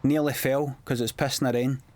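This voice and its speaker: A man's voice: medium pitch, little pitch movement, moderate pace, a little mellow. A Scottish man giving casual DVD commentary on his comedy show, chatty and self-mocking, telling anecdotes in local slang.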